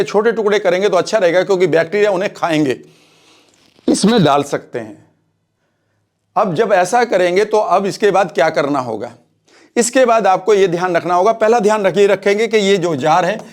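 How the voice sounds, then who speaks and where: A man explaining a home recipe step by step, checking in with the viewer as he goes and mixing English phrases into his Hindi. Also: sits high. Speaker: wellness coach.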